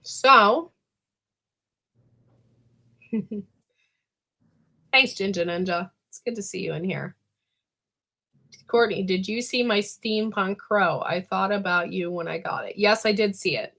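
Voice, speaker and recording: A woman hosts a casual live chat in a hoarse, raspy smoker's voice that is giving out. Her tone is bright and forceful at a middling pitch. She talks informally to her viewers and clears her throat as she goes. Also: normal speed. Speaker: host of a live canning chat.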